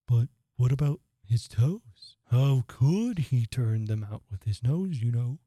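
A reader voicing a sorrowful old mock turtle in a storybook reading, speaking and singing in a slow, mournful, drawn-out way. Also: mid-range voice, lively intonation, mellow, dry recording. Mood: gloomy.

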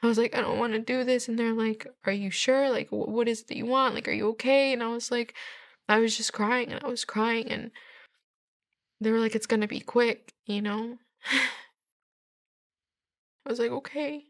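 A young woman shares a personal testimony in a casual, earnest way, filling her speech with "like." Her voice sits a little high and stays fairly flat in pitch, with a gravelly fry running through it. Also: moderate pace, pauses often. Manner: casual, leans heavily on "like" and "I was like"; earnest, emotional retelling.

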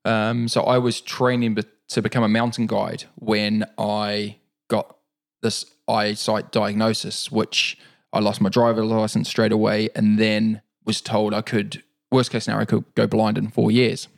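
Casting: middle-aged New Zealand man, gravelly, even-toned, easygoing interviewee. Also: fairly low pitch, a little slow. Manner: relaxed, rambling with many fillers and restarts. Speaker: interviewee, para-cyclist. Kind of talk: casual conversational interview.

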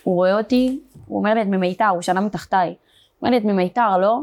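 Young woman giving halting testimony. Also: mid-range voice, a little mellow. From Israel. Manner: halting, with many fillers and restarts. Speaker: guest, border police fighter. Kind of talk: personal testimony in an interview.

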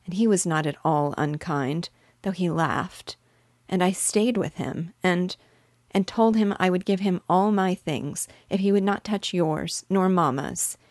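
A woman's voice: lowish voice, a little slow, a little mellow, no room sound, studio quality. A woman voicing a small, earnest, well-mannered little girl in an audiobook, speaking politely. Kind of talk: audiobook character voice.

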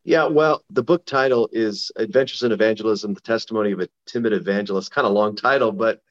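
Lower-voiced pastor over the phone. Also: male voice, quick pace. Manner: earnest, conversational, with frequent restarts. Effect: heard over a phone line. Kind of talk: interview guest sharing a personal testimony. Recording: dull phone-line audio.

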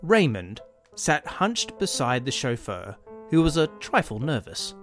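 A man narrating a dramatic science fiction story in a lively, expressive way. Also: medium pitch, a little slow, faint music behind.

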